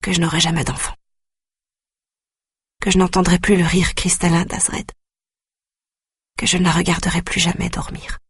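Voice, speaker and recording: A man reads a first-person audiobook in a grave, quietly intense manner. His voice is husky and breathy, and the recording is dry and close. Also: sits high, flat delivery, normal speed, pauses often, no echo. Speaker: audiobook narrator.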